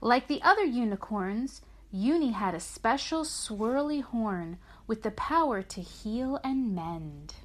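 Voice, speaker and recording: In a fairly high, animated voice, a woman reads a bedtime sleep story slowly. She's a mother and host, narrating gently and chatting with her small child, keeping her explanations simple and encouraging.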